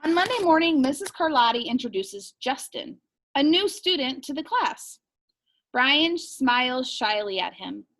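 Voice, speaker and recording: A woman's voice: high-pitched, very animated, a little slow, a bit bright, poor audio. A woman teacher reading a picture book aloud expressively and asking young listeners questions.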